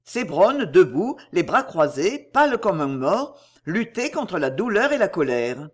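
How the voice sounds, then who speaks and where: A narrator reading a classic novel aloud in an expressive storytelling manner. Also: medium pitch, a little slow.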